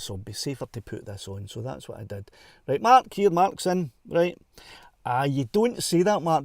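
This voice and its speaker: Chatty Scottish man with a mellow voice. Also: fairly high pitch, no room sound, clean studio sound. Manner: chatty and self-deprecating, laughs often. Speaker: livestream host. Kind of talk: casual live-stream chat. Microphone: clip-on wireless mic.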